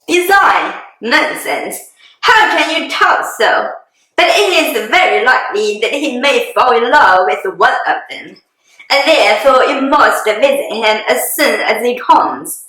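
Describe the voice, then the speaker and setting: Lady acting a fussy middle-aged wife, super hammy and theatrical, bright sharp voice, really echoey room. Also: a little high, expressive, unhurried. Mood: insistent, fussy. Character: fussy, excitable middle-aged wife and mother, self-pitying. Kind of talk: dramatic reading of a classic novel.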